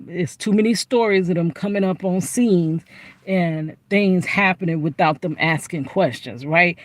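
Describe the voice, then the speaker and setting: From inside her car, a woman with a fairly low-pitched voice chats animatedly to the camera, with no room sound. It's a casual storytime, and her tale wanders through plenty of asides.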